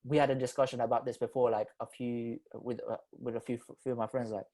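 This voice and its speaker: A man's voice: mid-range voice, level tone, fast, dark tone. A man in his twenties from the Philippines, a podcast host in casual chat, loose and slangy, turning earnest on serious topics. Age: 20s.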